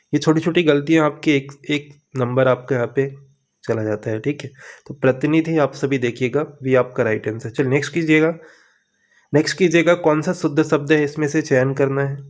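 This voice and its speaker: A man teaching an exam preparation lesson, walking through questions with steady, repetitive coaching and frequent check-ins. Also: fairly high pitch, moderate pace.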